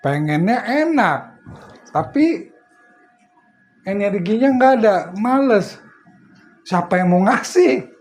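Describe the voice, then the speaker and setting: High-voiced preacher, laughing often. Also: male voice, lively intonation, slow, pauses often, a little mellow. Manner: chatty storyteller, often laughs. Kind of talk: casual religious study talk.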